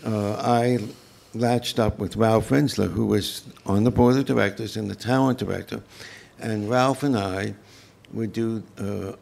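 An older man telling unscripted recollections as an interview guest, in a halting, reflective way. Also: lowish voice, creaky, dark tone. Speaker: interview guest, former folk festival organizer. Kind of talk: unscripted reminiscence.

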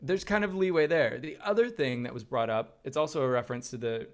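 A man in his thirties, co-hosting a podcast and chatting casually with an animated, storytelling manner. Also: medium pitch, brisk. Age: 30s. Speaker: podcast co-host. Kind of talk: casual chat.

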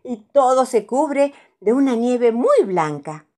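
A woman's voice: fairly high pitch, big pitch swings, slow pace, a little mellow, pitched above the performer's own voice. A woman voicing a jolly daddy pig in a storybook reading, cheerful and enthusiastic.

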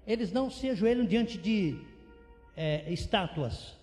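High-voiced preacher in a reverberant church. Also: male voice, unhurried, faint music behind. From São Paulo state, Brazil. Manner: animated, repetitive emphatic preaching. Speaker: missionary preacher. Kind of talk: sermon. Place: church sanctuary.

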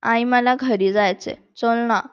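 A woman putting on a jealous little big sister from a storybook, whining and pleading in a high voice. She drags her words out slowly. The recording sounds dull and lo-fi. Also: fairly even intonation, smooth, no echo. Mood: whiny. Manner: whiny, pleading. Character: sulky little girl, jealous older sister.

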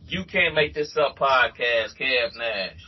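A man's voice: medium pitch, animated, takes it slowly, slightly rough. Man on echoey, choppy call audio. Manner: laid-back, slangy banter. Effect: choppy internet call audio with echo. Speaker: podcast co-host. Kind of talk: casual chat. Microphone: internet video call. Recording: lo-fi distant call audio with faint noise.

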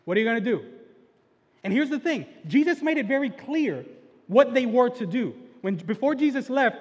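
A young male pastor gives a casual, conversational sermon, peppering it with "like" and "right?" and getting excited as he retells the story. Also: extremely high pitch, moderate pace. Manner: relaxed slangy delivery with frequent "like" and "right?" asides; gets excited and loud while retelling the story. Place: large church sanctuary. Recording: long church hall reverb.

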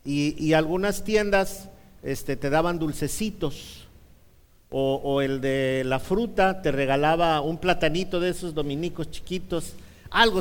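Animated preacher in a reverberant hall. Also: male voice, on the high side, clear, resonant tone. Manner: animated, humorous storytelling with rhetorical questions. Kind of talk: sermon storytelling.

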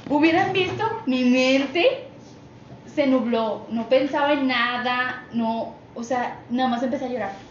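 A woman's voice: high-pitched, unhurried. Chatty Mexican woman telling a story. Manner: emotional, chatty, laughs often. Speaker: podcast guest. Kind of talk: casual storytelling. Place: office. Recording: echoey office, muffled, noisy.

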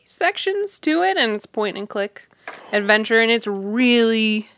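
A woman with a creaky voice in a casual gaming chat, relaxed and soft-spoken. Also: on the high side, unhurried.

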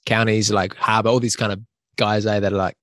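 Kiwi bloke hosting a podcast, maori english slang, laid-back chat style, dry sound. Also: male voice, on the low side, little pitch movement, fairly quick, fairly bright tone, no echo. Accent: New Zealand. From New Zealand. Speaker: podcast host. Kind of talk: casual chat.

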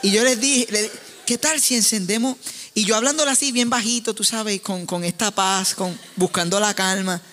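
A man preaching a sermon as pastor, an animated, joking storyteller who acts out his family members. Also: sits high, moderate pace, hardly any pauses, in a large hall, a little hiss or hum.

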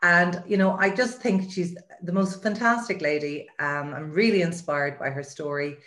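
A woman's voice: on the low side, normal speed, a bit bright. A woman with an Irish accent hosting an interview in an effusive, encouraging way. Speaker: show host, mindset coach.

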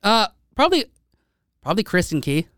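Brief: male podcast host, smooth resonant voice, a bit high, rambling casual chat. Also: very animated, fairly quick, a bit bright, no echo, studio quality. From United States. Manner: rambling, with many restarts and fillers. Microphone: studio microphone.

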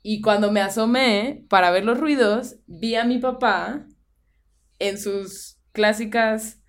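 A woman's voice: on the high side, slow pace. A young woman with a Mexican Spanish accent, co-hosting a podcast and telling a spooky personal story in casual chat, dropping in English phrases. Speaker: podcast co-host.

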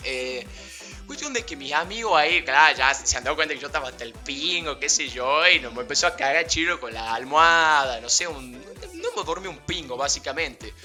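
Young guy, bright and lively delivery, slangy rambling storyteller, faint music underneath. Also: fairly high pitch, a little fast. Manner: slangy, animated, laughing, rambling with fillers. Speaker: vlogger. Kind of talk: casual storytelling anecdote.

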